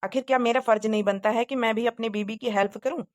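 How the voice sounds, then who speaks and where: An easygoing young cartoon husband, as a woman voices him gently coaxes his family. The voice sits fairly high and sounds close and dry. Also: steady tone, fast talker, no echo, close to an everyday voice. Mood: coaxing. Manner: coaxing, gentle. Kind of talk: Hindi cartoon moral-story voice acting.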